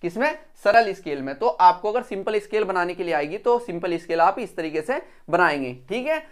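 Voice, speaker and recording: A man's voice: sits high, expressive, fairly quick. A man teaching an engineering drawing lesson step by step. He repeats each instruction and asks his students questions, then answers them himself.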